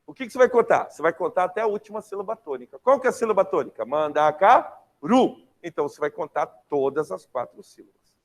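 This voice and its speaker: A young adult man with a Brazilian Portuguese accent, teaching an online class in a lively, slangy way, often checking in with his students. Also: sits high, very fast.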